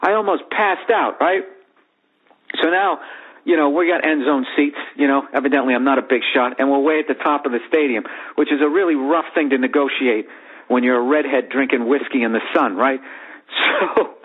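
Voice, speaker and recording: A man hosting a podcast, telling a profane, rambling comic story in a lively way from his bedroom. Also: medium pitch, moderate pace. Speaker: podcast host. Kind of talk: comedic storytelling monologue. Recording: phone-like lo-fi audio.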